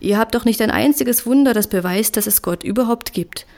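A woman's voice: on the high side, fairly quick, creaky, a little mellow. Indignant male priest, as a woman reader puts him on, scornful, storybook. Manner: self-assured, scornful. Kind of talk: audiobook character voice.

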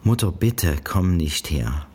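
A man's voice: sits low, a little fast, darkish tone, breathy edge. Man reading a weary pleading young wife. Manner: tired, pleading.

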